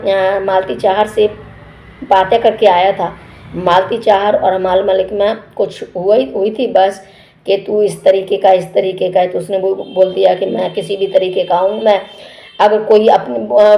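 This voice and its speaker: A woman's voice: medium pitch, vocal fry, warm tone. A woman giving a casual spoken review of a TV episode, retelling events in a chatty way with many fillers and restarts. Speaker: TV show reviewer. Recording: roomy echo.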